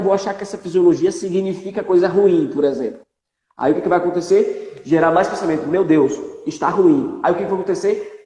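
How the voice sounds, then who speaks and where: Higher-voiced man teaching in echoey room. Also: dark tone. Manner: didactic, checks understanding often. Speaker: presenter explaining thought cycles. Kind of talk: explanatory talk with slides. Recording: roomy with long reverb.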